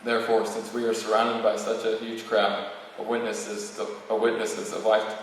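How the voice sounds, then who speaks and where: Young male student, low even voice, formal graduation podium speech, recorded from afar in a reverberant hall. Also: normal speed. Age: young adult, about eighteen. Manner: reading a prepared text, with occasional stumbles. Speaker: valedictorian student speaker. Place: large reverberant room, speaking to an audience. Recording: very echoey hall, distant mic, faint noise.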